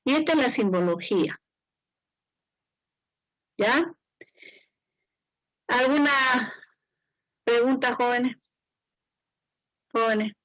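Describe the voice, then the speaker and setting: A woman's voice: a little high, very slow, pauses often, fairly bright tone, no echo, rough recording. A woman teaching a class as an engineer. She explains informally, repeats her points and keeps checking in with her students. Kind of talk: classroom lecture.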